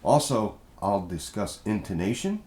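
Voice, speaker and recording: Here a man walks casually through a guitar inspection as a reviewer, plainspoken and folksy, explaining every check step by step in a hands-on way. His warm voice sits on the low side, very animated and a little slow.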